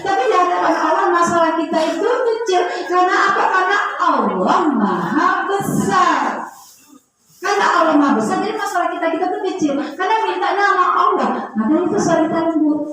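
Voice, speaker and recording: A woman preacher giving a lively sermon to elderly women, often calling out to her listeners and acting out prayers softly. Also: extremely high pitch, brisk, slight background noise. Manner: acts out prayers in a soft hushed voice. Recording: very echoey hall, audience murmur.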